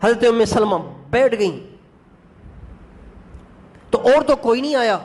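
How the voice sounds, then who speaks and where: Male preacher with a high voice, emotive sermon storytelling, speaks straight to the congregation. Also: a little mellow. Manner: emotive, addresses the congregation directly.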